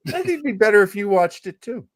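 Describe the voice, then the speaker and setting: Fast-talking and high-pitched, with big swings in his voice, a man hosts a laid-back live show about old-time radio. He tells stories in a chatty, joking, self-deprecating manner.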